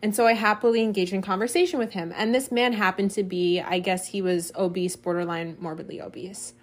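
A woman hosting a solo podcast as a life coach, talking in an earnest, heartfelt, chatty way and sometimes reading her own writing slowly and with feeling. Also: mid-range voice, steady tone. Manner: chatty, friendly storytelling.

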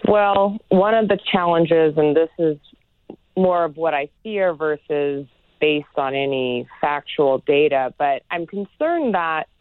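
Guest expert, woman, neuroscience professor, earnest and measured, lowish voice, narrow phone-line sound. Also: animated, no room sound. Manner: earnest, measured, many "you know" fillers. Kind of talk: interview answers.

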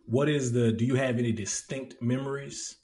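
A man hosting an interview who asks steady questions and answers with short, calm acknowledgments. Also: mid-range voice, moderate pace. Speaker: interviewer, host.

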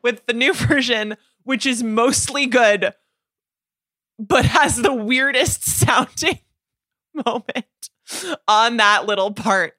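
A woman co-hosting a podcast, talking about songs in an animated, chatty way with many restarts. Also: on the high side, takes it slowly, no echo. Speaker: podcast co-host. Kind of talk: casual music discussion.

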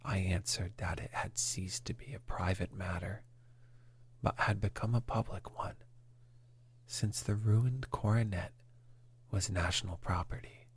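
A man reading a classic story aloud in a breathy, calm whisper. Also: deep voice. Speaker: reader.

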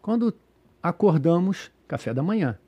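A man's voice: high voice, moderate pace, slightly rough. A man from Brazil telling a travel story in casual podcast chat, acting out the dialogue and laughing often. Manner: animated storyteller, acts out dialogue, laughs a lot. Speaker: group travel organizer telling stories.

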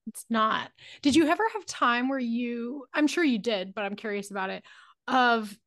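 A woman's voice: a little high, moderate pace, fairly bright tone, no echo, clean studio sound. A woman hosting a podcast, asking rambling, enthusiastic questions and going off on tangents in casual conversation. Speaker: podcast host.

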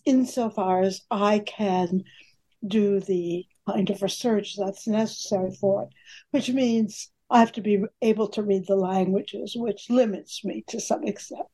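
An older woman historian speaking in a measured, hesitant way during an interview. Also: mid-range voice, warm tone. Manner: slow, measured, dry hesitations. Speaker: historian, co-author. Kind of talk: conversational interview.

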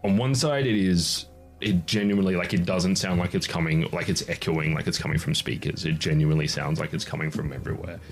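A man improvising tabletop game narration as game master, halting as he thinks aloud. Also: deep voice, creaky, soft background music.

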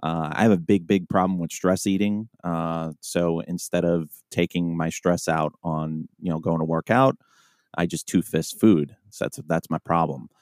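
Brief: low-pitched male cop co-host, rambling profane anecdotes, sleepy morning tone. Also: steady tone, normal speed, a little mellow, dry recording, clean studio sound. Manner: loose, profane storytelling. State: groggy early morning. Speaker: podcast co-host, police officer. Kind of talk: casual chat.

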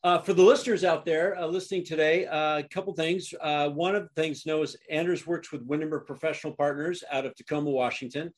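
Speaking fast with few pauses, this man hosts a laid-back podcast interview in a steady, somewhat high voice. He sounds eager and fills his speech with frequent "uh"s.

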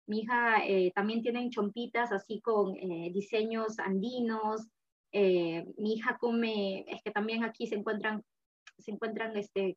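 Woman, guest, chatty and warm-paced, dull lo-fi mic. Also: medium pitch. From Peru. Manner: chatty, frequent fillers and laughter. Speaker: guest, mother. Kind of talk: casual conversation. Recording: slightly dull lo-fi recording.

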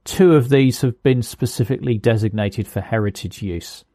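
A man's voice: mid-range voice, moderate pace, warm tone, dry recording, studio quality. A man narrating a scripted account of a tour as its host.

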